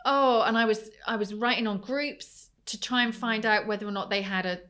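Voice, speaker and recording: Animated woman telling stories in a chat. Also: fairly high pitch, normal speed. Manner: animated storytelling, acting out quoted voices. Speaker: podcast co-host. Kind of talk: casual chat.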